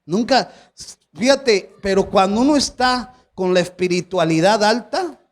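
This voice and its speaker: A pastor, preaching a sermon with emphatic rhetorical questions to the congregation and a few English words dropped in. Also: male voice, sits high, lively intonation, measured pace.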